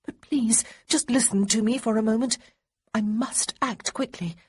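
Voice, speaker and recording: Breathless young lady, insistent and pleading, husky edge — woman narrator puts her on. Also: a little high, very animated, measured pace, voice pushed up, heavily acted.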